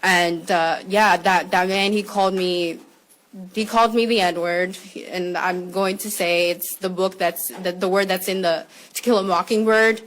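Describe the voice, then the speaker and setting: A young woman from the United States giving a personal statement at a press conference, close to tears, halting with frequent fillers and restarts. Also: on the low side, fairly even intonation, fairly bright tone, low-quality recording.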